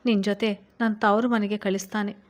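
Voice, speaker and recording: A woman's voice: mid-range voice, flat delivery, moderate pace, close to an everyday voice. A worried younger sister, as a woman reads her aloud, anxiously urging care in a storybook reading. The voice stays close to the narrator's own. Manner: warning, anxious.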